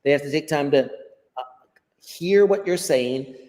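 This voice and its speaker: His voice is a little high and darkish, his pace a little slow. A Western-accented American guest teacher, he thinks aloud unscripted on a video call, often repeating words while gathering his thoughts, and the audio has a long reverb like a hall.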